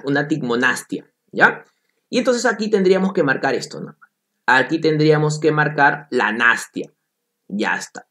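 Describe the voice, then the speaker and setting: Upbeat higher-voiced male biology teacher. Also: fairly bright tone. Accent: Peruvian Spanish. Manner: playful, addresses students directly, repeats key points. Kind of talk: lively online exam-prep class.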